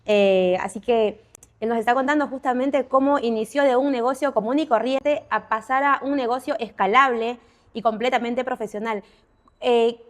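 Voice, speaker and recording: A woman with a fairly high voice hosts a podcast interview. She introduces her guest and echoes his points back in short, affirming summaries. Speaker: podcast host. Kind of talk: interview hosting.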